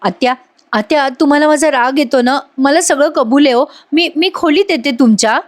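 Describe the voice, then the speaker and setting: A meek young wife, pleading softly and humbly, as a woman reads her part. Her voice rises a little above plain talk. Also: high-pitched, normal speed, voice pushed up, natural voice. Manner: pleading, soft.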